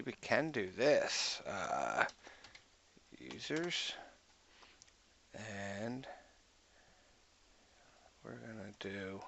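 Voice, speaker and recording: Brief: gravelly low-voiced guy, casual tech tutorial, talks to himself while clicking. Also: a bit bright, slight background noise. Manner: thinking aloud, muttering to himself while clicking. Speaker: IT tutorial host. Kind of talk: casual screen-recorded tech walkthrough.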